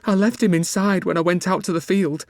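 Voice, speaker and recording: A man reading aloud voices a desperate young farmer's wife, pitching his voice high and strained with grief. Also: fairly even intonation, fairly quick, no room sound, clean studio sound. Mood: frantic, tearful.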